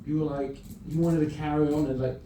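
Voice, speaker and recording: A young man with a mellow voice tells loose, joking stories on a panel. He pads his sentences with easy fillers. The sound is roomy and picked up from a distance. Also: on the high side, brisk, a little hiss or hum. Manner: relaxed, rambling with fillers, joking. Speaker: actor guest. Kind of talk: casual panel conversation. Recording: echoey venue, mic at a distance.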